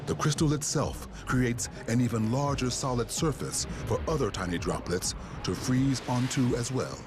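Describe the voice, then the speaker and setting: A man's voice: mid-range voice, normal speed. A man narrating a nature documentary from a script, with dramatic storytelling delivery. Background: music under the voice.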